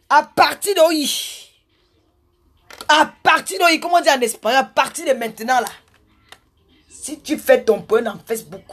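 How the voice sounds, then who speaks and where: A woman, loud and forceful, scolding her critics in a ranting live video. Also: sits high. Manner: combative, scolding, repetitive. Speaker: social media personality.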